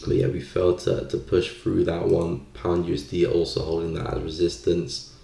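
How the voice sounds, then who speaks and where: A man hosting a trading live stream gives casual market commentary, thinking aloud hesitantly. His low, gravelly, dark-toned voice is monotone at a moderate pace, and the sound is roomy and echoey.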